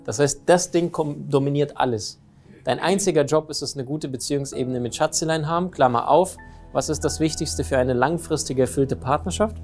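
A man giving a lively motivational talk on relationships, often asking his listeners questions. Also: a little high, moderate pace, faint music behind. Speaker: speaker on communication and relationships.

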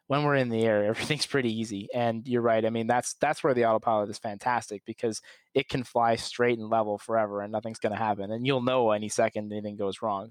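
A young man, an airline pilot, calmly and methodically explaining his work in an interview. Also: mid-range voice, clear, resonant tone, no echo. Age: young adult. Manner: calm, methodical, plain explaining. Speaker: commercial airline pilot, podcast guest.

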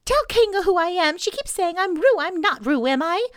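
Woman voicing a high, squeaky, stammering little piglet. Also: expressive, moderate pace. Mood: anxious pleading. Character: small timid anxious male piglet, indignant and panicky.

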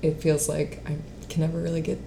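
A woman's voice: low-pitched, monotone, brisk, vocal fry, background noise. A woman in her late twenties, a singer-songwriter and actress, chatting in an interview with fillers and frequent laughter. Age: late 20s. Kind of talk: casual interview chat.

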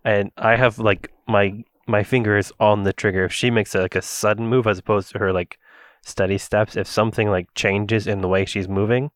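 A man at a tabletop game talks through his plans aloud, rambling and filling gaps as he goes. His voice sits low, and it is recorded close and dry. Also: flat delivery, moderate pace, dry recording. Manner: rambling, thinks aloud with many fillers. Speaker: player. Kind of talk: casual tabletop game chat.

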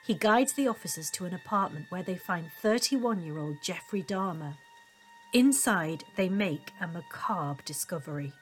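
A woman's voice: lowish voice, animated, normal speed, soft background music. A woman hosting a podcast in the style of a true crime narrator, reading scripted narration. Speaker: podcast host.

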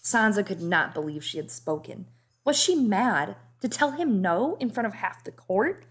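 Young female co-host, mid-pitched, dry and wry. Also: very animated, moderate pace. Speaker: podcast co-host. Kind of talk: casual book discussion.

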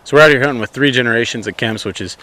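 A man's voice: mid-range voice, rapid-fire, pushed and bright. A young man casually telling stories as a podcast guest, recorded outdoors by a campfire. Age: young adult. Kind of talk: casual storytelling.

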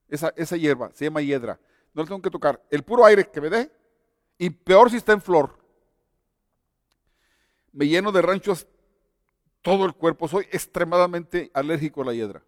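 A man's voice: high voice, no room sound, studio quality, long reverb tail. A man preaching a sermon and telling his own testimony, earnest and exhorting.

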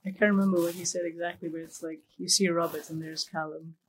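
A middle-aged man from Kenya, a podcast guest, answering in a relaxed way with easy laughs. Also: fairly high pitch, fast, a little hiss or hum, rough recording. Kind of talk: casual interview chat.

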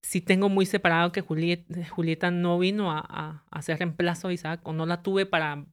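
A woman's voice: lowish voice, fairly even intonation, moderate pace. A young adult woman, a podcast guest, telling a personal story in conversation, earnest and step by step. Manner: earnest, tells events step by step and acts out the dialogue.

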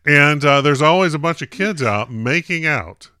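Dry-witted man with a bright, crisp voice. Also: fairly high pitch, animated, normal speed, dry recording. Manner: dry, wry humor. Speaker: podcast co-host. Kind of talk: casual chat.

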